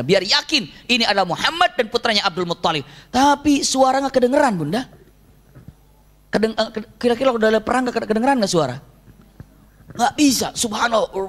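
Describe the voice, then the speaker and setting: Animated high-voiced male preacher. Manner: animated, acts out shouted quotes, asks the audience questions. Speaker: Islamic preacher. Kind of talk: storytelling religious lecture.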